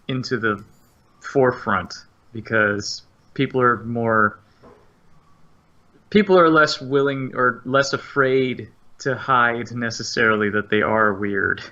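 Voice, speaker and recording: A game designer from Florida answers as a podcast guest in a measured, roundabout way. His voice is bright and forceful, heard over dull, lo-fi remote audio. He speaks at an ordinary pitch for a man. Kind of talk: casual podcast interview.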